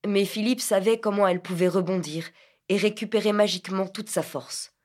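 A woman narrating a literary novel as an audiobook reader, measured and softly expressive. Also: mid-range voice.

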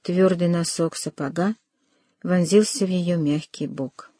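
A woman narrating a literary novel as an audiobook, with a measured and dramatic reading. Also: fairly low pitch, warm tone, breathy edge, dry recording, studio quality.

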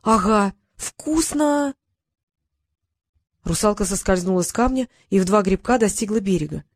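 Female audiobook narrator, mid pitch, dry close booth sound. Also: quick pace, a little mellow, no room sound. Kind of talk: scripted narration.

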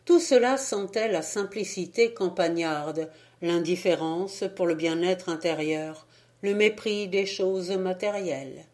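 Slow measured woman audiobook narrator. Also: lowish voice. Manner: measured, even storytelling. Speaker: audiobook reader. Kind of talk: scripted narration.

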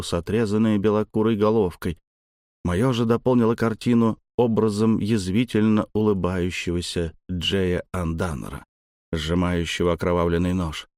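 A man with a fairly low voice reads a first-person story aloud in a steady, even manner. The recording is dry and close, with no room sound. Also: dry recording. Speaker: audiobook narrator. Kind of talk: first-person scripted narration.

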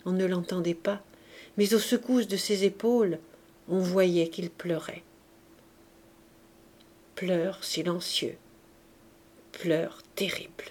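A woman narrating a classic novel aloud in a measured, expressive reading voice. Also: lowish voice. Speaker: audiobook reader. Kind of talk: literary narration.

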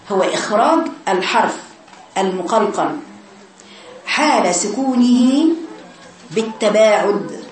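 A woman with an Egyptian accent teaching tajweed to girls, slowly repeating sounds to demonstrate and correcting mistakes. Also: mid-range voice, roomy sound, poor audio. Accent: Egyptian Arabic. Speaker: Quran recitation teacher.

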